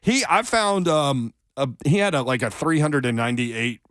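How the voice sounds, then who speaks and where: A man's voice: on the high side, animated, moderate pace, fairly bright tone, smooth, no echo, clean studio sound. A man hosting a sports talk radio show, chatting and running through upcoming segments.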